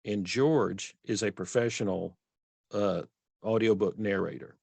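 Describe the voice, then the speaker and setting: A middle-aged Texan man with a Texan accent is an author guest in a conversational interview, speaking earnestly and often restarting his sentences to correct himself. His voice is on the low side with vocal fry and a slightly mellow quality, delivered at a measured pace in a dry recording.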